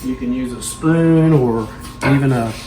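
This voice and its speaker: Sounding like the host of a home cooking program, a man with a medium-pitched voice walks through a recipe in an easygoing, homespun manner, speaking a bit slowly. The recording quality is low, with a distinct bed of background noise behind him.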